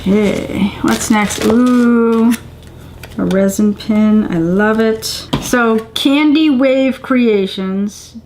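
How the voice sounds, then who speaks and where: Casting: female vlogger, middle-aged, slightly high voice, casual to-camera unboxing, unhurried pace, recorded at home on a camera mic. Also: a little mellow, slight background noise. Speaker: vlogger unboxing a subscription box. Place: indoors, home living room on a couch.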